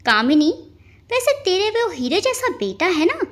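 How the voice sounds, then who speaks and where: A woman's voice: very high voice, very animated, a little slow, voice pushed up, full character voice. A woman voicing a scheming, gossiping middle-aged neighbor who taunts and mocks in a storybook reading. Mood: taunting. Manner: taunting, mocking.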